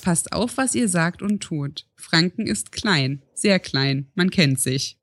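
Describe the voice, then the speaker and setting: A woman's voice: on the low side, expressive, slow, dry recording. A woman co-hosting a podcast in casual chat, reading rules aloud with amused dry asides and frequent laughs. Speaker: podcast co-host.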